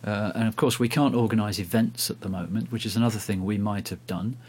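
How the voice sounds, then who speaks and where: A man's voice: on the low side, a little fast, darkish tone, husky. A man hosting a radio programme in a hesitant, self-deprecating, chatty way, speaking into a handheld recorder like a dictaphone. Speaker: radio host. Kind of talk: casual chat. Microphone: speaking into a recorder during a phone call.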